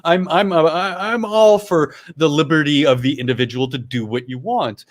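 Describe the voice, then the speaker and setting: A man's voice: a little high, normal speed. A middle-aged man from Canada co-hosting a live stream, chatting casually about the news, swearing and laughing as he goes. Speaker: livestream co-host. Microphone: earphones on a home streaming setup.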